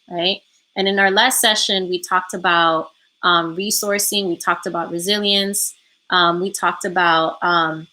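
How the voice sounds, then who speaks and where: Bright-sounding woman running a healing workshop on a call, lots of ums, keeps asking right?. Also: medium pitch, low-quality recording. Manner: frequent ums, ends points with "right?". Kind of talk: reflective online workshop talk. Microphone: remote call from home.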